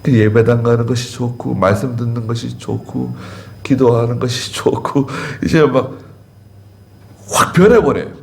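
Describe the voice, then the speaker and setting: A man's voice: mid-range voice, fairly even intonation, moderate pace, vocal fry. A man pastor preaching a sermon in a conversational way, repeating key words and asking the congregation questions. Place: church sanctuary.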